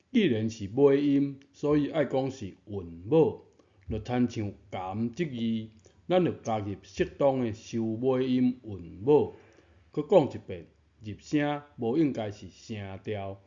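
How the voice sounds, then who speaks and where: A Taiwanese language teacher, a man with a fairly low, dark-toned voice, narrates an explanatory lesson on pronunciation. He is patient, repeats the key points, and poses rhetorical questions. The recording sounds dull and lo-fi.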